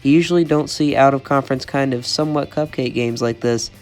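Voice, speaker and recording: Over faint background music, a congested young man with a cold hosts a channel predicting college football results. He speaks a bit quickly in a mid-range, monotone voice, stating strong opinions and saying "I think" again and again.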